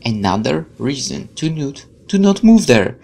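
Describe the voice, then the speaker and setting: A gaming YouTuber reads visual novel text aloud in a let's play, stopping to exclaim at and question the story. His delivery is expressive, with very lively intonation, a mid-range creaky voice and a measured pace.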